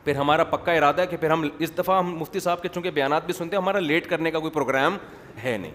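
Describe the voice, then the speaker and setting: A man acting out a young woman who plays down her engagement in a mock-serious tone, quieter and lower than his usual talk. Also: in a large hall, close to an everyday voice.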